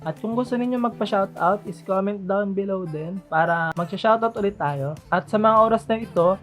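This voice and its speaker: A vlogger talking casually to viewers, explaining things in a chatty, rambling way with side stories. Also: mid-range voice. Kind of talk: casual vlog talk to viewers. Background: faint background music.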